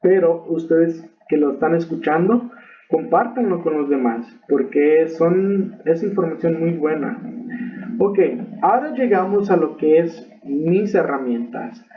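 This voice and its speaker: A man's voice: on the high side, animated. A man teaching English pronunciation in a recorded lesson, explaining patiently and checking in with "ok?". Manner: slow, patient explaining with frequent "ok?" check-ins. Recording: tinny phone-like audio.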